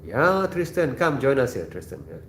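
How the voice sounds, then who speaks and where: A man's voice: mid-range voice, big pitch swings, moderate pace, fairly bright tone, echoey room, slight background noise. A man from Indonesia hosting a casual livestream, reading viewer comments in a laid-back way and laughing often. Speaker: livestream host.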